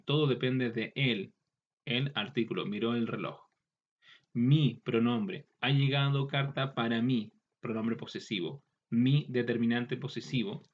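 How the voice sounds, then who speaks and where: A man teaching a grammar lesson, repeating example words and adding quick asides. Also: medium pitch. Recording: slightly dull lo-fi recording.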